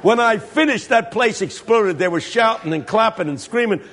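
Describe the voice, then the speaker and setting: A man preaching a sermon as a guest speaker, telling a story that builds to shouted call-and-response. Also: high voice, expressive, moderate pace, a little hiss or hum.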